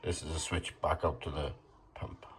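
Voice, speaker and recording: Very deep, gravelly man, noisy recording. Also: little pitch movement, moderate pace. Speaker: hobbyist demonstrating a homemade gadget. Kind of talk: casual hands-on demonstration commentary. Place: shed and garden, partly outdoors.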